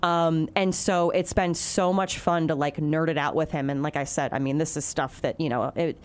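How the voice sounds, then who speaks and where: A woman's voice: sits low, fairly even intonation, moderate pace. A woman from the Chicago area, a TV news anchor, chatting in an interview with lots of fillers and restarts. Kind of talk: casual interview chat.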